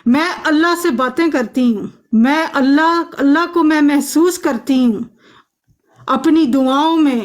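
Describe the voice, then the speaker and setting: A woman on a phone live stream arguing emphatically, insisting the other person listen to her. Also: high-pitched. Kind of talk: heated live-stream argument.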